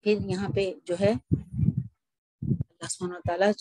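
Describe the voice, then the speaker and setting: A woman teaching an online recitation class over a video call, explaining patiently and slowing down to recite examples. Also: mid-range voice, little pitch movement, mellow, dry recording, low-quality recording.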